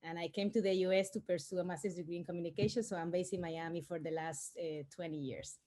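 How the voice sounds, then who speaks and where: A woman's voice: lowish voice, fairly even intonation, fast talker, warm tone. A woman from the Dominican Republic asking eager, friendly questions as an audience member in an interview.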